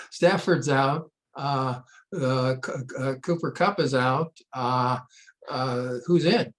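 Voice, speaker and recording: A man giving casual, off-the-cuff sports betting commentary, halting and repeating words as he goes. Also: medium pitch.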